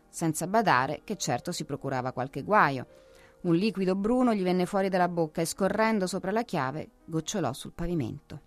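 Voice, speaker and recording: A woman narrating a classic novel as an audiobook in a steady, expressive reading. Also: lowish voice.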